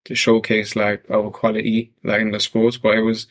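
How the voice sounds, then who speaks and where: Casting: young man, low monotone voice, relaxed slangy guest on a podcast, dry close sound. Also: moderate pace, no echo. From France. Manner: laid-back slangy speech with many fillers. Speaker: music producer guest. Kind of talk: casual interview talk.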